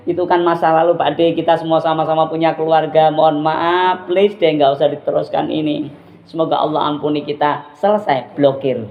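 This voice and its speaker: A woman giving a lively religious talk to a women's study group, playfully acting out examples in sudden high bursts. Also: normal speed. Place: study group gathering room. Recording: echoey, dull room recording.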